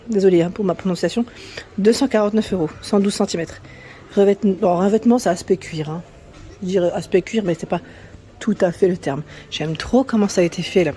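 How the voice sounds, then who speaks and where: A woman's voice: mid-range voice, warm tone. A woman vlogging as she walks through a large furniture store, chatting casually and reading out prices and sizes with lots of tag-on fillers. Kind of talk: casual walkthrough chat.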